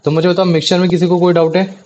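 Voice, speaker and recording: A man's voice: high voice, little pitch movement, very fast, darkish tone. A man teaching a science class, explaining step by step and often checking with his students. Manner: explains with many tag questions. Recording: dull lo-fi audio.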